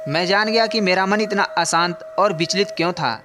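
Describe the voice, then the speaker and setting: A man voicing a young prince in a storybook, calm and reflective, speaking in a steady, earnest way. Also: sits high, normal speed, background noise, close to an everyday voice. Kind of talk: scripted storybook narration.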